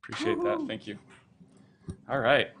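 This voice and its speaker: Male meeting chair, mid pitch, informal halting remarks, slight background noise. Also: huge pitch swings, a bit bright. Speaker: council chair running the meeting.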